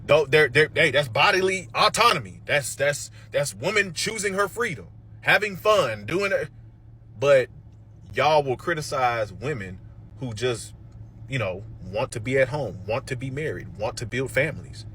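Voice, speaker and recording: A man's voice: mid-range voice, animated, moderate pace, pushed and bright, breathy edge. A man in a heated reaction rant, swearing and speaking in a sarcastic, combative way.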